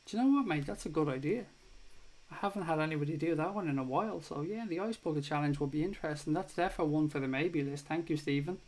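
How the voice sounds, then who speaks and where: A fast talker with a slightly high voice, this Irishman in his thirties hosts a relaxed live stream about football. He reads comments from viewers, chats easily, swears now and then, and thanks people warmly.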